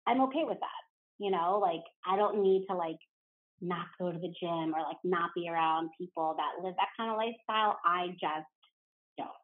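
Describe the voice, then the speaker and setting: A woman's voice: on the low side, moderate pace. A woman from New Jersey, a podcast guest chatting casually, talking freely with lots of "like" fillers. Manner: chatty, fills speech with "like". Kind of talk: casual interview chat. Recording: tinny phone-like line.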